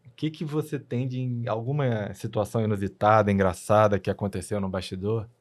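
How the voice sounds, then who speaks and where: A man with a Brazilian Portuguese accent hosting a casual podcast interview, talking in a relaxed way. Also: on the low side, fairly quick. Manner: relaxed, uses football comparisons. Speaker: podcast host.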